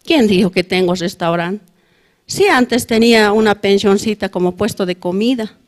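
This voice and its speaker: A woman's voice: medium pitch, normal speed. Bolivian woman telling her church testimony. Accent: Bolivian Spanish. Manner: ends nearly every phrase with a questioning tag, plain conversational storytelling. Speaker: church member giving testimony. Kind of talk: testimony at a prayer service.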